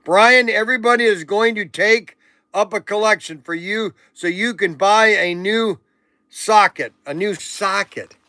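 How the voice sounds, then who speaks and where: Man, sixties, livestream host, rambling casual chat, high voice, close dry mic. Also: unhurried, pushed and bright, no room sound. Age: 60s. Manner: rambling, chatty, joking with viewers and reading out chat comments.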